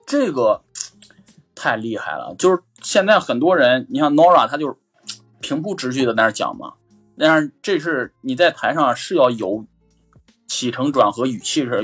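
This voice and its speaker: A man's voice: medium pitch, a bit bright, slightly rough. A man co-hosting a casual talk podcast about a comedy show, chatty, swearing casually and laughing as he talks. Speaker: podcast co-host. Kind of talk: casual chat commentary.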